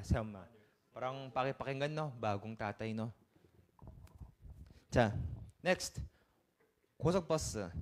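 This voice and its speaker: A man teaching a casual language lesson, explaining words step by step and asking his learners questions. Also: medium pitch. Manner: explains terms in mixed Tagalog and English, asks learners questions.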